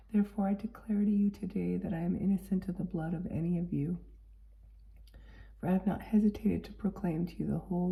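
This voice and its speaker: A woman with a low, very mellow voice reads scripture aloud and comments on it in her own words. She has a chesty cough and sounds congested in the throat. Her delivery is earnest and a little halting, repeating phrases for emphasis. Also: vocal fry, low-quality recording. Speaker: daily video Bible reader.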